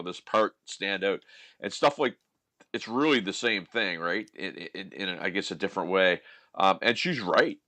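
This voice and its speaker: A man from Scotia, co-hosting a casual podcast with animated, opinionated rants full of restarts. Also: low-pitched, no echo. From Nova Scotia, Canada. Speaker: podcast co-host.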